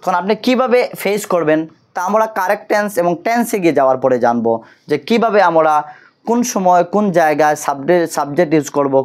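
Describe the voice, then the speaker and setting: A man's voice: a little high, darkish tone. A man with a Bengali accent teaching English grammar to students, working through each point in order. He spells words out letter by letter, says key terms twice, and sometimes stops to correct himself. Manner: self-correcting, occasional slips and restarts. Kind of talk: explaining a lesson to students.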